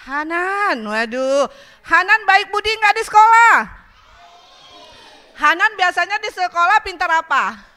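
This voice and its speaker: A woman's voice: very high voice, expressive, measured pace, pauses often, bright, forceful tone. A young woman hosting a children's radio show, cheerful and coaxing as she talks with small children in the studio.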